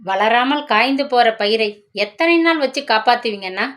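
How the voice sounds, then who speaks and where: Woman reading as a sorrowful but resolute young wife in a storybook, slightly high voice. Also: animated, moderate pace. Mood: firm. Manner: sorrowful, quietly firm.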